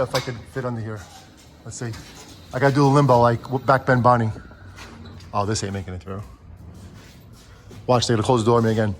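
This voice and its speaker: A middle-aged man vlogging casually while loading and driving a truck, rambling with many restarts and fillers, filmed on a phone. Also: medium pitch. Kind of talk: casual vlog talk. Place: in and around a truck.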